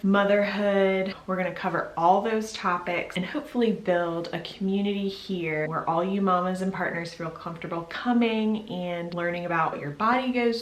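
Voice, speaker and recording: A woman's voice: mid-range voice, reverberant. A young pregnant woman giving a casual, upbeat vlog update straight to her viewers, a little out of breath. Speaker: pregnancy vlogger.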